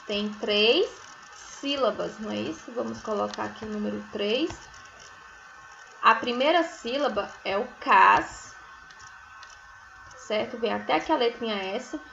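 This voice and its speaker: Woman, primary teacher, fairly high voice, very slow, stretched syllables, dull recording, faint hiss. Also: gravelly, a bit bright. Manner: slow, drawn-out syllables, sounding words out; frequent checking tags like "né?" and "certo?". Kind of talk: recorded phonics lesson for first graders.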